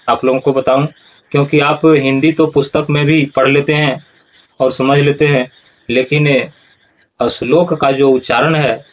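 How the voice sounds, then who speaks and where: A man explains how to pronounce scripture verses correctly, going over each phrase slowly and saying it again and again. His voice sits at an ordinary middle pitch. The recording sounds a little dull and lo-fi. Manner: slow, deliberate, repeats phrases. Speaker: teacher of scripture recitation.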